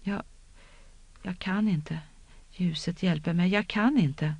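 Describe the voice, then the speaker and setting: A narrator voicing a frightened young woman who speaks softly and half-whispered, in an audiobook reading on a dull, lo-fi recording. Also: medium pitch, creaky, no echo. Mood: shaken. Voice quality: soft, shaken, half-whispered.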